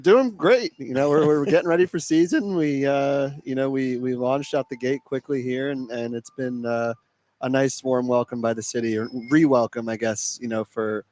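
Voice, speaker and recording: A man's voice: mid-range voice, normal speed, darkish tone. A restaurateur talks through his story in a loose, rambling way. He restarts his phrases again and again. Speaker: restaurant group owner. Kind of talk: casual interview.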